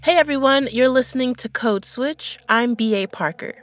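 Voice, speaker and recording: A woman's voice: high-pitched, normal speed, dry recording, faint music behind. A woman hosting a podcast, narrating reported history in a conversational way. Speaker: podcast host.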